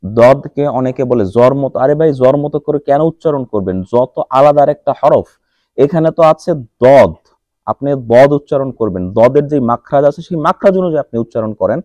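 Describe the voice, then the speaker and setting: A man teaching Quran recitation, chanting verses slowly and repeating letters to correct pronunciation. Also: mid-range voice, expressive, no room sound, muffled recording. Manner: slow drawn-out recitation between brisk explanations.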